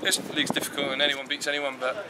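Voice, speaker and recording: A young male footballer giving a measured, plain-spoken post-match interview outdoors at a floodlit ground at night. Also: medium pitch, little pitch movement. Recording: loud wind noise outdoors.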